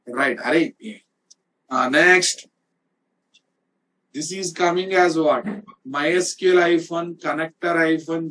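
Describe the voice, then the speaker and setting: A man's voice: fairly high pitch, a bit bright. A man with an Indian accent teaching programming in an informal, emphatic, repetitive way, often checking with students. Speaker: programming instructor. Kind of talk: informal screen-shared software lecture. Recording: distant-sounding microphone.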